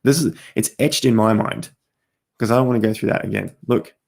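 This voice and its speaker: A man hosting a casual crypto livestream, talking straight to viewers as he walks through charts, his voice going hoarse with coughs. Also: on the low side, fairly quick. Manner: chatty, talks straight to viewers while walking through charts. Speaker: crypto market host.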